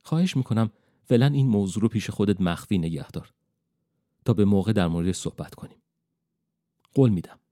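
A man voicing a young woman, the daughter of a witch, who is guarded and proud and talks in a brisk, bargaining way. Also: fairly low pitch, mellow, dry recording, studio quality, close to an everyday voice. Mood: pleading.

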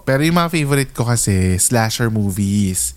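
A man in his thirties from the Philippines, co-hosting a podcast and telling stories in casual, animated chat. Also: fairly low pitch, normal speed, dry recording. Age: 30s. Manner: animated storytelling, chatty. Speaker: podcast co-host.

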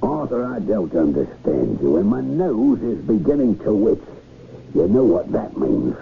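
An actor playing a gruff, hot-tempered old sea captain in an old-time radio drama. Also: male voice, on the low side, sing-song, unhurried, slight background noise, heavily acted. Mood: gruff, impatient. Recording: tinny, narrow old radio broadcast.

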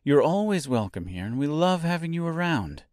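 Soft-spoken kind aunt read by a guy, audiobook, lively little lilt. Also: fairly high pitch, moderate pace, no echo, studio quality, pitched above the performer's own voice. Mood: gentle. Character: gentle caring aunt, middle-aged woman. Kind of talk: audiobook character voice.

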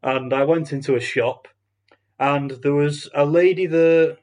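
A man's voice: a little high, fairly even intonation, measured pace, a little mellow. A man hosting a podcast, telling a story in casual chat with many restarts and fillers. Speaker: podcast host.

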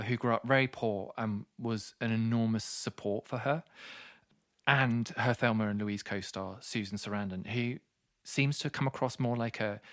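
A man's voice: a bit bright, dry recording. Enthusiastic man reviewing books, dry sound. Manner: enthusiastic, then lowers voice for serious points. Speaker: podcast co-host. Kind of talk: casual book review.

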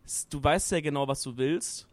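A man's voice: a little high, normal speed, no echo. A man in casual group chat at a gaming event, hesitant and searching for words, with lots of fillers. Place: noisy event hall at a gaming party.

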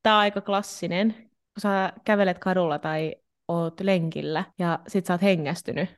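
A woman's voice: on the low side, steady tone. A woman co-hosting a podcast, chatting playfully and mixing English phrases into her talk. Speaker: podcast co-host. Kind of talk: casual chat.

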